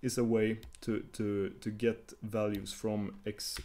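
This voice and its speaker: A man's voice: on the low side, level tone, slow, mellow. Hesitant man explaining code with fillers. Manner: hesitant, many fillers and restarts while typing. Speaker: tutorial host. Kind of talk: screencast coding tutorial.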